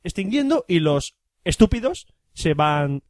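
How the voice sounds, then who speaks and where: A man hosting a casual film chat, rambling and joking, acting out scenes from the films in quick voices. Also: fairly high pitch, sing-song, a little mellow, dry recording, studio quality. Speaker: podcast host.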